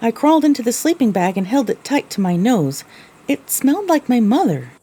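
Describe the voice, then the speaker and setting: The narrator and lead character of this audio drama is voiced by a woman whose tone is brisk, husky and on the high side. She plays a young female pony, a tired, sarcastic wasteland survivor, telling her own tale in an expressive, theatrical way.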